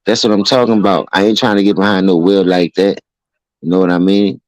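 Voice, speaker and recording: Man, low voice, dry close-mic sound, loose profane podcast storyteller. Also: little pitch movement, fairly quick, no room sound, low-quality recording. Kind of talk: casual podcast chat.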